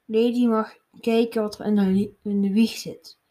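A woman reading a children's picture book aloud, slowly and with small slips and restarts. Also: medium pitch, steady tone, dark tone, reverberant. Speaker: storybook reader.

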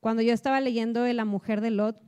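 Fast-talking woman, chatty. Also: a little high, fairly even intonation, mellow, clean tone. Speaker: speaker at a women's church series. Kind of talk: casual devotional talk.

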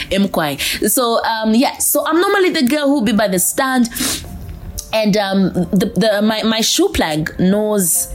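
A young adult woman with a Zambian accent hosting a solo podcast in a casual, chatty, informal way. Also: mid-range voice. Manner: chatty, informal, slips between English and a local language. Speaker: podcast host.

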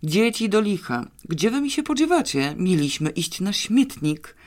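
A reader voicing an excitable middle-aged father who shouts and whoops in an audiobook. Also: medium pitch, measured pace, voice pushed up. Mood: agitated. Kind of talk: audiobook character voice.

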